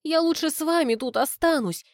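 Woman voicing a headstrong young girl, pitched up, impulsive, close dry read. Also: expressive, measured pace, dry recording. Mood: upset, defiant. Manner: emotional, impulsive, tearful. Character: spirited, stubborn young noble girl.

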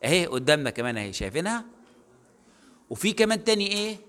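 A man's voice: a little high, big pitch swings, rapid-fire, fairly bright tone. A male university lecturer with an Egyptian accent, explaining casually with many fillers and self-corrections. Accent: Egyptian Arabic. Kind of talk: recorded online lecture.

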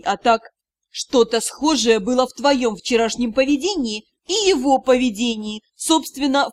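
A woman's voice: high voice, dry recording. A woman voicing a mocking, sarcastic aristocratic male mage in an audiobook, drawling and teasing.

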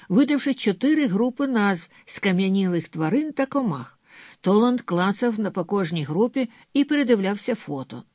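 A man's voice: high-pitched, darkish tone, no echo, studio quality. A man narrating an audiobook of a novel and reading the characters' lines himself.

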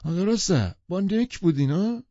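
A male narrator voicing a brusque, guarded wealthy man with a husky voice in an audiobook. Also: sits high, lively intonation, warm tone, dry recording, pitched above the performer's own voice. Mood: curt. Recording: dull lo-fi studio recording.

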